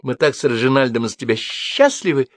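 A man's voice: medium pitch, animated, a little fast, no echo, clean studio sound, pitched above the performer's own voice, natural voice. Awkward young man, stiff and faintly pompous, voiced by the narrator. Storybook reading.

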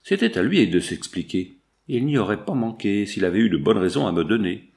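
A man's voice: on the low side, lively intonation, fairly quick, creaky, a little mellow. A man voicing a stern aristocratic father in an audiobook, firm and indignant as he lectures his daughter. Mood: lecturing. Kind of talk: audiobook character voice.

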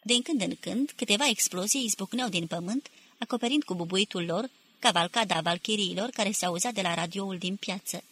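Husky-voiced woman narrating an audiobook. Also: mid-range voice, a bit bright. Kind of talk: scripted literary narration.

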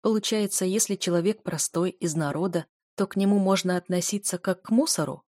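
A woman's voice: fairly low pitch, a little fast, darkish tone, dry recording, studio quality. Woman narrating a fantasy audiobook.

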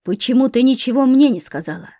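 Angry accusing husband, read by a woman, shouting, bitter, higher-set voice, mellow tone, audiobook. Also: animated, fast. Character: furious bitter husband, adult man.

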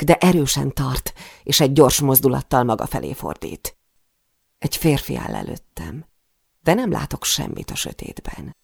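A woman's voice: very deep voice, creaky, a little mellow, breathy edge, no echo, clean studio sound. A woman narrating a first-person novel in a tense, intimate storytelling manner. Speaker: audiobook narrator.

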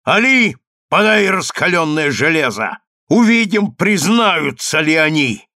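A brutal, imperious vizier barks orders and accusations, voiced by a male reader. The voice is loud and commanding, lifted a little above the reader's plain tone, in a dry, close recording. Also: on the high side, sing-song, a little slow, dry recording, voice pushed up, exaggerated voice. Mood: roaring. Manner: roaring, commanding. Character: imperious, brutal vizier, a middle-aged man quick to rage.

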